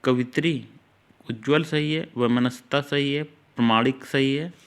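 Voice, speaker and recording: Male teacher, mid-pitched, exam-prep grammar lesson, talks straight to the students, drags out key words for them to copy. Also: clear, resonant tone. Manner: explains step by step, repeats key words slowly; talks directly to students, urging them to note things down.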